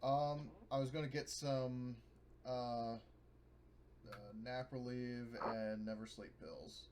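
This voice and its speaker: While playing a tabletop game, a man chats casually and thinks aloud hesitantly. His voice is medium-pitched and slow, recorded on a noisy microphone with clicks.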